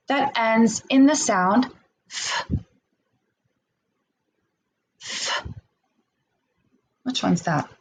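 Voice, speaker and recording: Over poor audio with some hiss or hum, a woman with a voice on the high side teaches young children phonics remotely. She enunciates deliberately, sounds out word parts one at a time, and prompts with encouraging questions.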